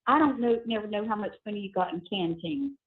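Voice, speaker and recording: A woman's voice: mid-range voice, a little fast, slight background noise. A middle-aged woman, talking in a folksy, familiar way on a family phone call. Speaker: relative receiving an inmate's call. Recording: tinny narrow phone line.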